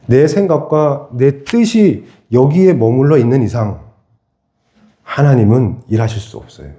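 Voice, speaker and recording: Man preaching, mellow voice in a roomy church. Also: mid-range voice. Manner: asks the congregation questions and answers them himself. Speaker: pastor. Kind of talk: sermon. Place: church sanctuary.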